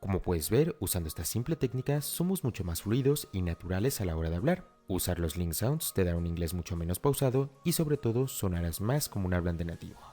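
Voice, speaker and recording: A man's voice: sits low, sing-song, brisk, hardly any pauses, dark tone, soft background music. A man giving a scripted language lesson, explaining step by step and speaking directly to the learner. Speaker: English teacher. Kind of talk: scripted tutorial narration.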